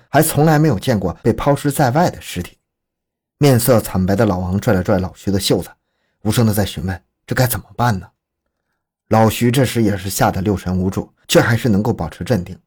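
A man's voice: lowish voice, quick pace, a little mellow, husky. A man narrating a scripted true crime story in a dramatic, suspenseful storytelling manner.

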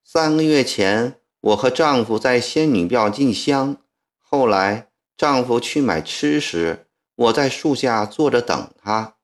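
A frail, soft-spoken young woman, as a male storyteller reads her, telling her story slowly with a lively, rising and falling tone. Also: medium pitch. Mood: sorrowful.

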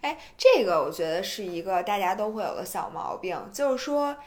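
A woman's voice: mid-range voice, lively intonation, brisk, a little mellow. A woman co-hosting a podcast in casual chat, teasing her partner with playful interjections. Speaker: podcast co-host.

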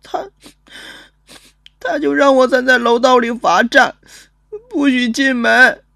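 A woman's voice: on the high side, lively intonation, dry recording, clean studio sound. A woman voicing a timid, chubby ten-year-old boy who stammers and sobs as he speaks in an audio drama. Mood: tearful, stammering. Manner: stammering, sobbing, halting.

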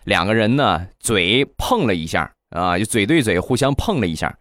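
Guy telling funny anecdotes, relaxed and chatty, dry close sound. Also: on the low side, moderate pace, dry recording. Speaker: podcast host. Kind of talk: comic storytelling.

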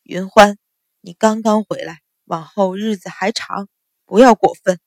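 A woman's voice: medium pitch, moderate pace, a little mellow, no room sound, studio quality, voice pushed down, lightly acted. A woman voicing a stern middle-aged father, an official, speaking coldly and scolding.

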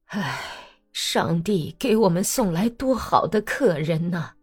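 A woman voicing a devout, indignant old peasant woman who speaks slowly and drawn-out. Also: fairly low pitch, lively intonation, breathy edge, full character voice. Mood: fretful. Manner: slow, drawn-out, pleading.

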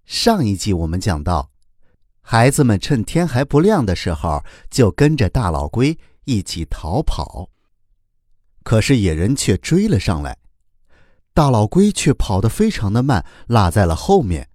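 A man narrating a children's story in a very animated, deliberate way. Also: on the low side, no room sound, studio quality.

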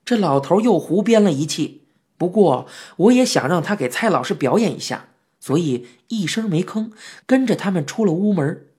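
A storyteller with a Beijing-flavored accent narrating a children's audiobook in a lively, expressive first-person telling. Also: medium pitch, normal speed, slightly rough. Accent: Beijing-flavored Mandarin.

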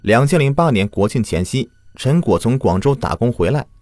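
A man's voice: medium pitch, animated, normal speed, darkish tone, dry recording, faint music behind. A man narrating true crime from a script as a host, in a dramatic storytelling manner. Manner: dramatic storyteller with rhetorical questions.

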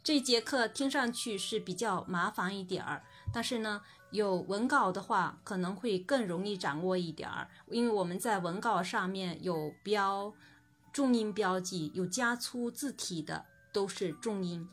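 A woman teaches a recorded language lesson at an ordinary middle pitch. She explains patiently and says each example word slowly and clearly. Soft music plays faintly behind her.

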